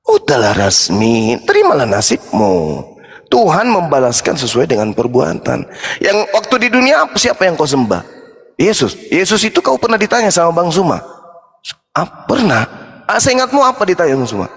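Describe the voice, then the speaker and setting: A man preaching to an audience in a lively, mocking way, acting out voices as he talks. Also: a little high, normal speed, husky, long reverb tail. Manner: animated, mocking, acts out voices. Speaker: Islamic preacher.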